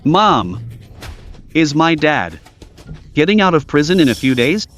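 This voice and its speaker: Man acting a scheming young brother, swooping highish voice. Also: big pitch swings, a little slow, a bit bright. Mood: scheming, irritated. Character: scheming false-hearted younger brother, villainous and self-pitying. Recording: music behind the voice.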